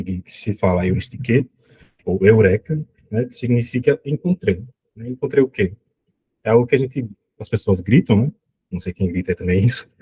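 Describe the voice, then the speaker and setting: A young man from Aracaju gives a relaxed design conference talk, often tagging sentences with "né?". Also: on the low side, husky. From Aracaju, northeastern Brazil. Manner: relaxed, frequent "né?" tag questions. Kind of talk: casual presentation talk.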